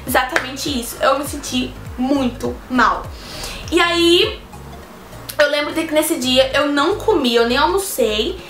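A woman's voice: high voice, unhurried, fairly bright tone. An eighteen-year-old woman, telling a personal story in a chatty vlog and speaking straight to her viewers. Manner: chatty, addresses viewers directly, earnest. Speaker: vlogger. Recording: roomy echo with faint music.

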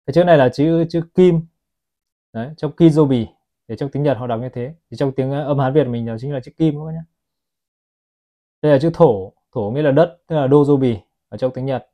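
A man's voice: mid-range voice, a little fast, warm tone. A man selling watches, chatting to his viewers as he films a product review on his phone. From Vietnam. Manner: chatty, keeps addressing viewers as "các bác". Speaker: watch seller.

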